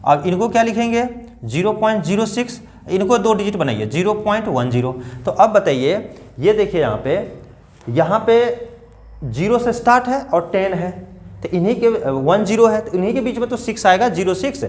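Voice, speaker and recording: A man's voice: high-pitched, expressive, normal speed, a little mellow. A man teaching a math lesson to children, patiently repeating numbers step by step and asking them questions.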